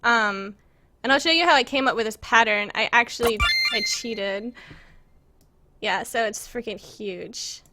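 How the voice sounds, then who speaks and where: At a measured pace, this American woman speaks in a slightly high voice with a bright, forceful tone, and there's slight background noise. She streams live and makes game maps, rambling casually and giggling self-consciously with viewers from a computer in her apartment.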